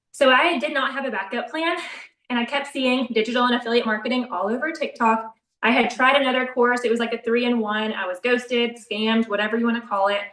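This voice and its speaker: A woman's voice: on the high side, fairly bright tone. A young woman, talking casually and laughing often as she tells her story from an echoey bathroom. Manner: chatty, quick and informal, laughs often. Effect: echoey bathroom sound. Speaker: co-presenter in an online coaching session. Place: small home bathroom, indoors. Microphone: live video call, away from the mic. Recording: echoey room, voice a bit far off.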